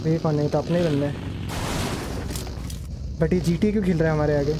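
A man's voice: on the high side, steady tone, a little fast. Chatty man streaming a game. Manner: chatty, joking with chat and players. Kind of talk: casual live gaming commentary. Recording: noisy game stream audio.

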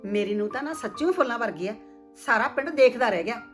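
A woman's voice: fairly high pitch, lively intonation, fast talker, close to an everyday voice. A woman playing a village mother-in-law who scolds her son and fusses over the new bride, in a roomy recording with music behind. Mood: scolding. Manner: scolding, bossy, loud. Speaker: mother in a short film. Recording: roomy film audio with music.

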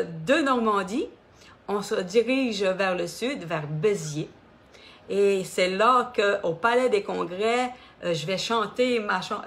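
A middle-aged woman with a Quebec French accent, telling her story in a casual, expressive way on a live stream, with many fillers. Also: mid-range voice. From Quebec, Canada. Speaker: singer hosting her own live stream.

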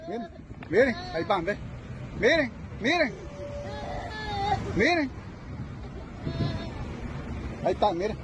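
A man, a street vendor, agitatedly shouting and pointing things out outdoors on a street. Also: very high-pitched, sing-song, unhurried. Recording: noisy street clip, traffic behind.

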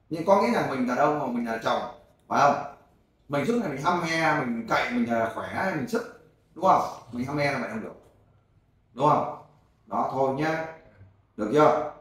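A man interviewing and scolding a guest, lecturing him loudly. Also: mid-range voice, heavy reverb, recorded from a distance. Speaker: volunteer group interviewer.

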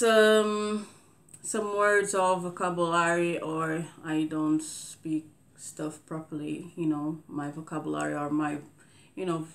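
Slow, low-voiced woman with a Portuguese accent. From Cape Verde. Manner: slow, careful speech with many fillers and restarts. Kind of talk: casual talking-head monologue. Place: indoors in front of a green screen.

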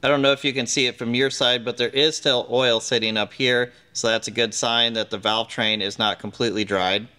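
Pitched at a medium level, the middle-aged man's voice is steady and sharp, moving a little fast with hardly any pauses. He hosts a workshop show, giving plain, step-by-step, matter-of-fact explanations as he works with his hands in a big indoor garage.

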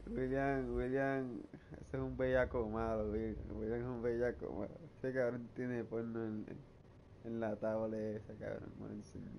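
A man's voice: medium pitch, little pitch movement, normal speed, vocal fry, a little mellow, a little hiss or hum. A young man with a Puerto Rican accent chatting casually, swearing all the time and often breaking into laughter. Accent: Puerto Rican Spanish. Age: young adult. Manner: crude, laughing, swearing constantly. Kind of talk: casual vlog chat.

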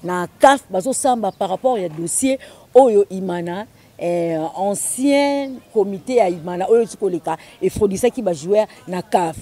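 A woman conducting an interview. Her voice is warm and mellow, in a middle pitch for a woman. She talks steadily and keeps up a stream of soft murmured agreement. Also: animated, moderate pace.

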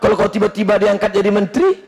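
A man preaching a humorous, lively sermon in a mosque, with bursts of shouting. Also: high-pitched, quick pace, vocal fry, noisy background. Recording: long reverb in mosque hall.

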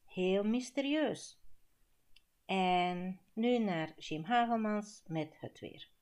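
A woman's voice: medium pitch, extremely slow, darkish tone. A Flemish woman reading an audiobook, voicing a male TV newsreader in a formal announcing manner.

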